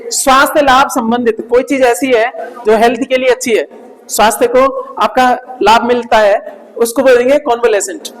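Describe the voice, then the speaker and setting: A man with a notably high voice teaches vocabulary to a class, repeating each word several times. He checks in with "right?" after nearly every phrase. The sound rings with a long reverb from the classroom. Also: fairly even intonation, normal speed. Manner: drills words aloud, constantly asks "right?". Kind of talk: classroom lesson. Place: classroom with projector. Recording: echoey room with long reverb.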